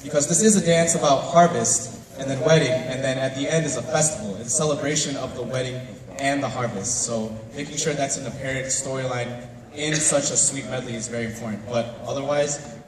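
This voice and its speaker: A man judging a dance competition, giving emphatic, animated live feedback that stresses key words. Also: medium pitch, a little fast. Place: large hall at a live competition. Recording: echoey hall from far off with crowd.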